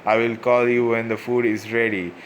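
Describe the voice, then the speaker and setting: A man voicing a cheerful, confident teenage boy ninja who mentors younger kids, read out haltingly. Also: medium pitch, little pitch movement, highs cut off, a little hiss or hum, lightly acted. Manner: halting read-aloud delivery.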